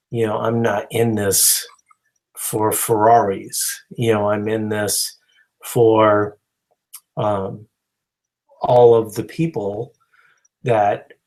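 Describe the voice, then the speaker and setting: This is a rather low-pitched, slightly mellow male voice captured on poor audio. It belongs to a company founder casually addressing his followers in a rambling announcement packed with fillers like "you know" and frequent restarts.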